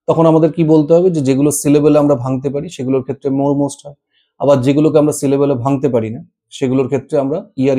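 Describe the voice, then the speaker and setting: A man's voice: medium pitch, warm tone. A man teaching an exam-prep English grammar lesson, explaining step by step and listing word forms with frequent "uh" sounds and "okay?" check-ins.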